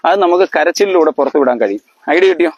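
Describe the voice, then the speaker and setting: A man's voice: on the high side, animated, breathy edge, no room sound. A man explaining things to his family in a lecture-like way, often stopping to ask if they understand. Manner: quizzes listeners, keeps asking if they understand; halting, with fillers and restarts.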